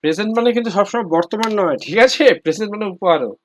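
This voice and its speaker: A man's voice: high voice, animated, very fast, a little hiss or hum. A man teaching English to children in an online class, firm and repeating his prompts, heard over a video call.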